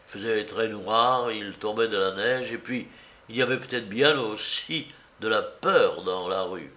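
A man reading a novel aloud as narrator, with slow, dramatic storytelling. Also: medium pitch, a bit bright. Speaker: audiobook reader. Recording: roomy echo.

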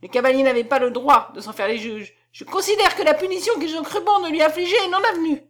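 A woman's voice: sits high, fast talker, voice pushed up, lightly acted. A woman voicing a pompous, self-righteous young count. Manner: stiff, self-righteous, shouts orders.

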